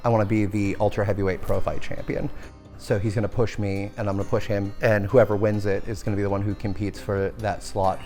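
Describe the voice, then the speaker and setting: Male fighter-organiser, slightly low voice, casual interview delivery, music clearly behind. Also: level tone, a little fast, a little mellow.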